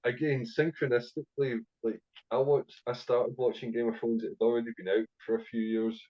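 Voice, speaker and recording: On a muffled recording, a man with a Scottish accent talks a little fast, his medium-pitched voice fairly even in intonation. He's a podcast guest in a casual interview, telling stories, swearing freely and wandering off with lots of fillers.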